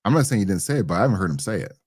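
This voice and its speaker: Low-voiced man rambling through casual commentary. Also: big pitch swings, very fast, darkish tone, husky, no echo, studio quality. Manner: slangy, rambling, repeats phrases. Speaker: talk show co-host.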